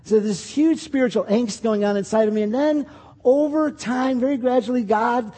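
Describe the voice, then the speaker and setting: A man's voice: extremely high pitch, normal speed, warm tone. A male preacher giving an impassioned, confessional sermon with a repetitive, building rhythm. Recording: long hall reverb.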